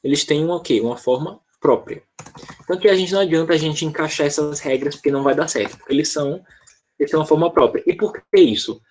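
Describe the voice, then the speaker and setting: A man's voice: a little high, fast, a little hiss or hum. A Brazilian man teaching an online English class, explaining patiently and often checking in with the students.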